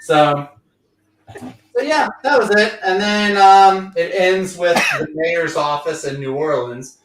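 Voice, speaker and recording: A Louisiana man hosts a comic book show on a live stream, chatting his way through a comic recap in a high-pitched, animated voice that takes its time. He rambles, stacks up filler words and drifts into little quoted voices. The mic is distant, so he sounds roomy and set back, with background noise behind him.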